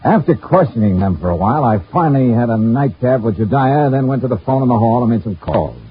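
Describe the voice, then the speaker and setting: A man's voice: medium pitch, expressive, brisk, breathy edge, faint music behind. An actor playing a wry male insurance investigator who narrates his own case in an old radio detective drama. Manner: wry, dry, hardboiled narration. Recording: tinny scratchy old radio broadcast.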